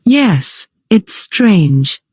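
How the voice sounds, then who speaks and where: A woman voicing a cheerful young woman at an office, in a slow, careful read. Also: medium pitch, sing-song, darkish tone, husky, no echo, full character voice. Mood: curious. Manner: slow, simple, careful delivery.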